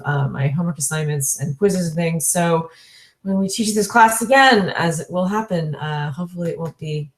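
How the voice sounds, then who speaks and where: A woman in her forties speaks in a low voice with a reverberant sound, giving a recorded online lecture. She's chatty and full of fillers, correcting herself and laughing lightly between points.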